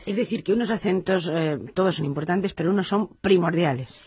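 Fast-talking husky woman moving the lesson on. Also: on the low side, a little mellow, dry recording, muffled recording. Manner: brisk, sums up and moves the topic on. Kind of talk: conversational lesson.

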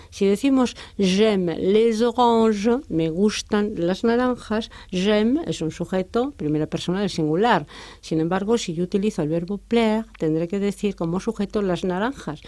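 A woman French teacher explaining pronunciation and grammar in Spanish, patiently repeating example words slowly. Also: medium pitch, dark tone, no echo.

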